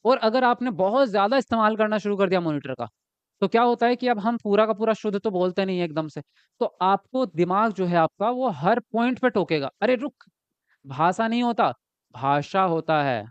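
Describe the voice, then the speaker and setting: Teaching a live exam-prep class online, a man speaks a little fast in a high, clean voice, with no echo but dull audio. He goes step by step, asking questions and then answering them. Viewer comments get read aloud, and he addresses them directly.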